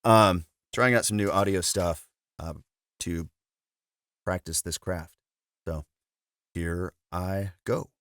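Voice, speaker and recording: A man, a monk, reading a spiritual book aloud in a measured, earnest way after a brief casual intro. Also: low-pitched, steady tone, fairly bright tone, no echo, studio quality.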